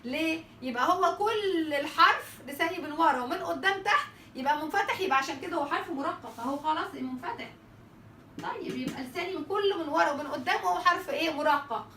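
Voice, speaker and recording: A high, fast, pushed and bright voice belongs to a woman with an Egyptian Arabic accent explaining how letters are articulated in Quran recitation. The sound is roomy and far from the mic, with a little hiss or hum, as she repeats example sounds and answers questions she poses herself.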